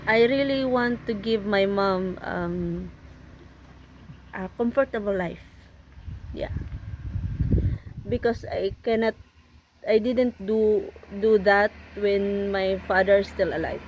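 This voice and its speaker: Slow-speaking Filipino woman, traffic behind her. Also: mid-range voice, a little mellow, low-quality recording. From Philippines. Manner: halting, earnest second-language English. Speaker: interviewee and channel co-host. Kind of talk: personal interview. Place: outdoors beside a busy road. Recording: clear traffic noise outdoors. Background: vehicles passing.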